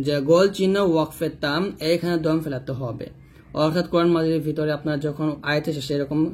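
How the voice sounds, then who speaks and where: A man's voice: a little high, a little hiss or hum. A man teaching Quran reading, chanting letter-by-letter spelling drills and drawing out the example sounds.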